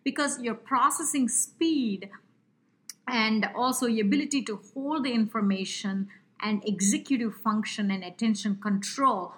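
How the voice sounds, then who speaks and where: Interview guest: woman, Indian accent, measured expert explainer, lots of fillers and restarts. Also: fairly high pitch.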